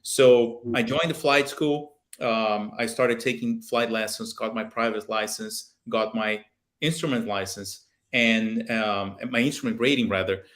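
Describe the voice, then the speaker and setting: A man's voice: lowish voice, fairly even intonation, a little slow, a bit bright. A man in his thirties from Brazil, speaking with a Brazilian Portuguese accent as a guest on a video call, earnest and full of fillers and restarts. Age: 30s. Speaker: guest pilot and aviation video maker. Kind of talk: casual interview on a video call. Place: small home office with a plane picture. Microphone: webcam video call.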